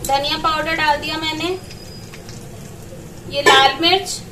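Cooking in her home kitchen, a woman vlogger walks through a recipe step by step. Her high voice is steady and measured, picked up by a distant mic amid background noise.

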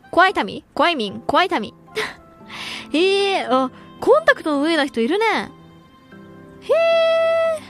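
A woman's voice: sits high, a bit bright. A young woman streaming as a VTuber, chatting casually and reading viewer comments, laughing often and using slangy speech.

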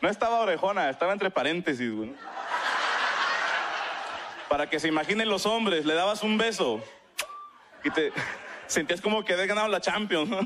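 On a comedy stage before an audience, a man with a Mexican accent delivers a stand-up monologue of crude, slangy stories, acting out the voices in them. His voice sits high and is expressive, a little fast, with long pauses. The live stage mic catches loud crowd laughter and background noise.

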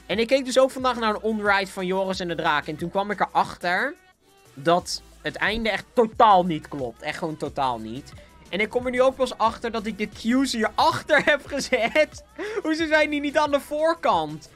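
A young gaming livestreamer with a Dutch accent chats casually during live game commentary, bouncy and giggly despite a sore throat. His high voice is animated and a bit bright at normal speed, with faint music in the background.

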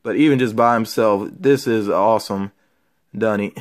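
A toy collecting vlogger speaks in a fairly low voice at normal speed, chatting casually as he shows items to his viewers. He's indoors in a room lined with shelves of figures.

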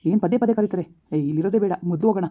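An actor playing an irritable young newlywed husband who complains fast and heatedly in a village family drama. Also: male voice, sits high, steady tone, narrow, tinny audio. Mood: angry. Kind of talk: everyday village drama acting.

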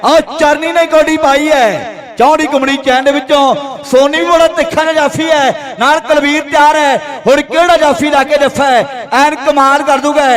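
High-pitched frantic Punjabi kabaddi commentator, male. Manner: chanting, repeats rhymed couplets for effect. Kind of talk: frantic rural sports commentary with rhyming verse. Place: outdoor village kabaddi tournament over a crowd. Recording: loud crowd, outdoor sports ground.

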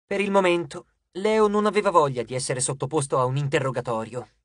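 An audiobook narrator reading a novel in an expressive storytelling manner, recorded in a studio. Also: mid-range voice, a little fast, no echo.

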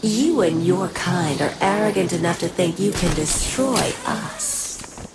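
A calm, menacing female plant villain speaks her threats at an unhurried crawl. Her low voice carries a gravelly, breathy purr. Loud noise sits under the game audio. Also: heavily acted.

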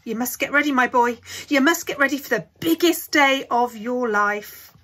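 A woman voicing an excited elderly grandfather who shouts eagerly in a storybook reading. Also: sits high, moderate pace. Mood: urgent excitement.

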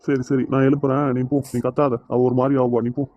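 A man's voice: mid-range voice, fairly quick, no echo, dull audio, natural voice. A man voicing an easygoing, teasing father in a cartoon, with a Kanyakumari Tamil accent. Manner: calm, teasing.

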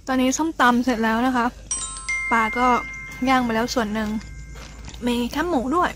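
A woman's voice: on the high side, normal speed, over music. A young woman hosting a casual camping vlog, cheerfully addressing viewers at an outdoor lakeside campsite. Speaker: vlog host. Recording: outdoor recording with clear background noise.

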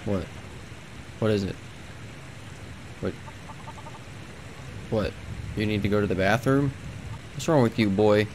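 A young man giving jokey, playful commentary on his video game, sometimes yelling in mock panic. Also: lowish voice, slow pace, long pauses, slight background noise. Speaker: gaming video creator. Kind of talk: comedic gameplay commentary. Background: game music.

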